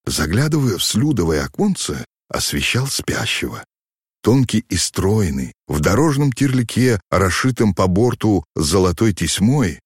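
Man, audiobook narrator, scripted narration, lowish voice, animated delivery. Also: breathy edge, dry recording, studio quality. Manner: expressive storytelling.

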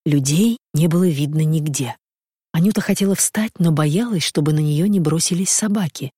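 An audiobook reader giving scripted literary narration in an even, measured storytelling manner. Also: medium pitch, breathy edge, no room sound, studio quality.

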